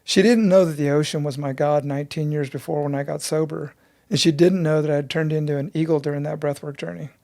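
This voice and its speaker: A man's voice: a little high, steady tone, quick pace, vocal fry, dark tone. A man in his fifties, a breathwork teacher telling his story with earnest intensity in an interview.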